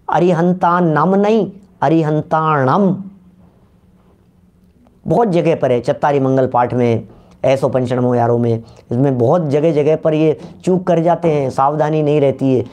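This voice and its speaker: A man giving a Jain religious discourse in Hindi, questioning his listeners and reciting scripture slowly. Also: fairly high pitch, warm tone.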